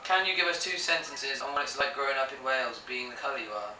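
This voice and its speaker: A man talks in a rambling, hesitant way, trailing off mid-thought. His voice is picked up from a distance. The room is echoey and background noise comes through clearly. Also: medium pitch, steady tone, fast talker, bright, forceful tone. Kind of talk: casual interview chat. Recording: echoey, off-mic, noisy.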